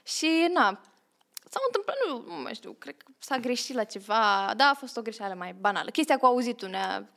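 A woman's voice: a little high, expressive, vocal fry, a bit bright. A young woman co-hosting a casual podcast, telling stories in a chatty way, laughing often and acting out what others said. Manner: chatty storyteller, laughs often, acts out quotes. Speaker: podcast co-host, theatre troupe member. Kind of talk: casual chat.

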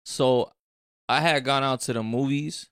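A man's voice: mid-range voice, fairly even intonation, measured pace, fairly bright tone, clean tone, dry recording, clean studio sound. A young man chatting casually with friends and telling stories in slangy, profane language. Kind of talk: casual chat, storytelling among friends.

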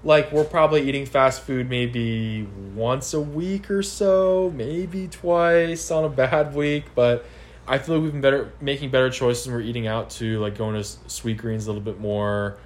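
A man's voice: medium pitch, fairly even intonation, normal speed. A man in his twenties answering interview questions at home, hesitant, with many ums and restarts. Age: 20s. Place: home apartment.

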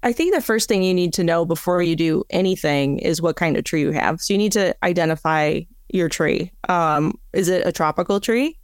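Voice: mid-range voice, normal speed, hardly any pauses, smooth, dry recording, studio quality. A podcast co-host in casual chat, explaining things plainly and matter-of-factly.

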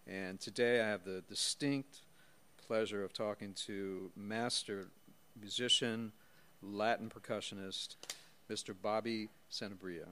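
Low-voiced male podcast host. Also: measured pace, slight background noise. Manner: relaxed, friendly questions with short affirmations. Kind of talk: casual interview. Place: small recording studio. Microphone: studio microphone.

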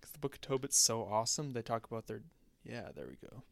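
A man's voice: mid-range voice, big pitch swings, fast, vocal fry. A man in casual podcast chat, talking in a wry, rambling way and laughing often. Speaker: podcast co-host.

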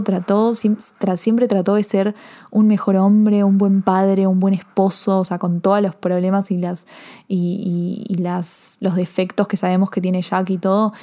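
A woman with an Argentine accent casually reviewing a TV episode, rambling and excitable, full of fillers and restarts. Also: medium pitch. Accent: Argentine Spanish. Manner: excitable, emotional. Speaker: TV series reviewer.

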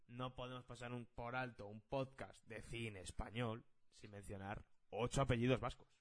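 A man's voice: medium pitch, fairly even intonation, moderate pace. A man co-hosting a podcast, steering the conversation in a matter-of-fact way. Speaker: podcast co-host. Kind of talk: casual chat.

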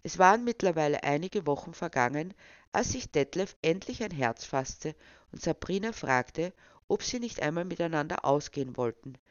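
Measured storyteller on a dull, dry recording. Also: medium pitch, animated, dry recording. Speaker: narrator. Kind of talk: audiobook story reading.

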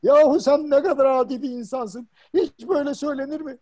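A man voicing a clingy, dramatic young woman being dumped, in a comic sketch, shrill and accusing. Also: steady tone, fairly quick, darkish tone. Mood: tearful.

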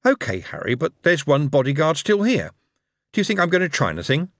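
Reader doing a cheeky smooth-talking grifter, slightly raised, crisp and polished, storybook. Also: male voice, on the high side, huge pitch swings, fairly quick, a bit bright, dry recording, clean studio sound, pitched above the performer's own voice, exaggerated voice. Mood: pointed. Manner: careful, polished diction. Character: smooth, cheeky male con man.

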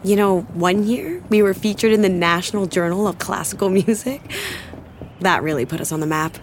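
A woman's voice: medium pitch, normal speed, slight background noise, close to an everyday voice. An actress playing a proud, strict young music teacher who is firm and exasperated with her students, in an audio drama. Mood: earnest. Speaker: music teacher and shop owner.

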